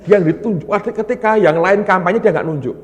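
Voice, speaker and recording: A male pastor preaching a sermon, telling stories with lively energy and often addressing the congregation directly. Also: high voice, fast. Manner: animated storytelling, often calling the congregation "brothers". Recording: long hall reverb.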